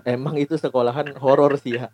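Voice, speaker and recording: A man's voice: mid-range voice, flat delivery, a little mellow. A man, hosting a podcast in a chatty, joking way. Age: 30s. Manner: joking, chatty, lots of quick agreeing. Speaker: podcast host. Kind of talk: casual chat.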